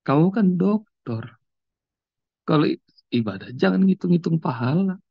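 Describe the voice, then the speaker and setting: Preacher voicing a calm mysterious stranger, lifted high and knowing, husky, lo-fi. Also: male voice, a little slow, no room sound, full character voice. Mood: gently admonishing. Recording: dull lo-fi recording.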